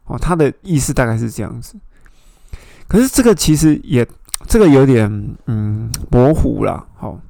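A man with a gravelly, mid-pitched voice leads a Bible study lesson. He retells scripture scenes and stops to ask his listeners pointed questions. The sound is dry and close, with no room echo. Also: animated, normal speed, dark tone. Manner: explanatory, asks the listener rhetorical questions. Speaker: Bible teacher.

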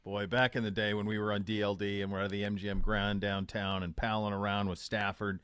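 A man's voice: fairly low pitch, level tone, brisk, a bit bright, smooth, no echo, studio quality. A man co-hosting a casual sports chat who wisecracks and chimes in often. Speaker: co-host.

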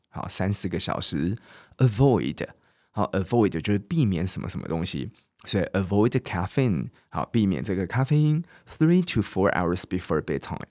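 Guy doing a podcast english lesson, lowish voice that bounces around a lot, keeps saying ok. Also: darkish tone, dry recording, clean studio sound. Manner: drills words slowly, repeats them, asks "OK?" often; casual, chatty teaching in Mandarin mixed with English. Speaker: English teacher and podcast host.

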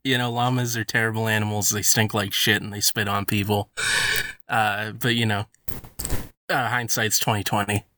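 A man's voice: on the low side, level tone, moderate pace, pushed and bright, dry recording. A man chatting as a podcast guest from a laundry room, joking and rambling. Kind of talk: casual chat. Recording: noisy laundry room recording.

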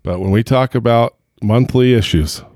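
A man's voice: medium pitch, normal speed, darkish tone, dry recording, studio quality. A man co-hosting a podcast in casual chat, joking and a little self-conscious as he rambles. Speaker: podcast co-host.

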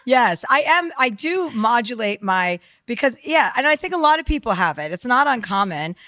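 A woman's voice: fairly high pitch, big pitch swings, moderate pace, fairly bright tone, no echo, clean studio sound. A woman hosting an advice podcast, confident and upbeat, talking casually about upbringing. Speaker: podcast host.

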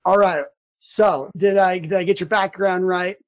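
A man's voice: high voice, fairly even intonation, moderate pace. A man hosting a podcast, talking casually with plenty of fillers and restarts. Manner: chatty, lots of fillers and restarts. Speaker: podcast host. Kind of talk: casual interview.

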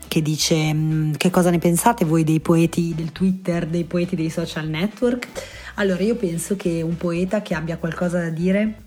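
A woman's voice: lowish voice, darkish tone. A woman hosting her own podcast segment, answering a listener thoughtfully. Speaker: podcast host. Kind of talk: spoken reflection.

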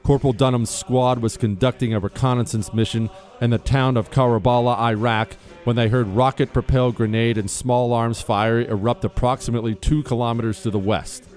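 Radio host, American male, mid pitch. Crisp, formal military citation read over music. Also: steady tone, normal speed, darkish tone. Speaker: radio talk show host. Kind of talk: scripted citation reading.

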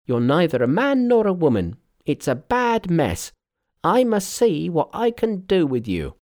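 A high, animated monkey trickster from a storybook. He is cocksure and cheeky, briskly ordering and scolding whoever he speaks to. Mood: scheming.

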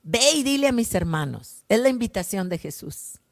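A woman gives a slow, prayerful gospel reflection as a worship leader, often softening to a hush at the ends of lines. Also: a little high, animated.

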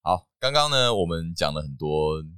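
A man's voice: sits low, big pitch swings, moderate pace, a bit bright, clear, resonant tone, no room sound, clean studio sound. A man with a Taiwanese Mandarin accent, co-hosting a casual podcast and steering the topics with a teasing, easy laugh. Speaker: podcast co-host. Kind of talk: casual chat.

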